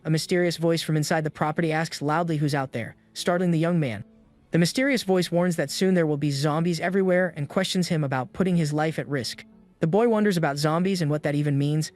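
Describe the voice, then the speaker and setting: A man's voice: a little high, fast. Man narrating a story recap over music. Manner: even, steady retelling in third person.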